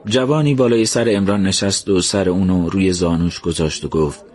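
A man narrates a story in a calm, gentle, measured voice. His pitch sits somewhat low, steady under the scenes he tells.

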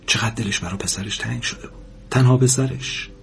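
A man calmly reading a story aloud in a measured, soft-spoken way. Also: fairly low pitch, creaky, slight background noise. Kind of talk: scripted story narration.

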